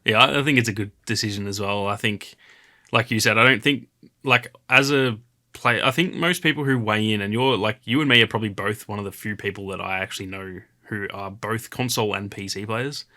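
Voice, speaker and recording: Male podcast co-host, lowish bright tone, loose rambling chat. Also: a little fast. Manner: rambling, filler-heavy, animated retelling. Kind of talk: casual chat.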